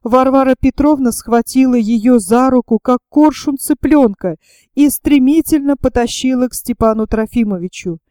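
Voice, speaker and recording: A woman narrates a classic novel in an expressive, dramatic audiobook reading. Her voice is high but mellow and very smooth. The sound is close and dry. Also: moderate pace, dry recording.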